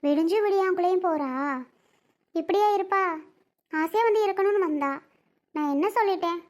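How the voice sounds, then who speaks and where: Woman playing a shrill, hurt sister-in-law. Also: normal speed, a little mellow. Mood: hurt pleading. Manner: pleading, repetitive complaining questions. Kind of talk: family drama skit acting.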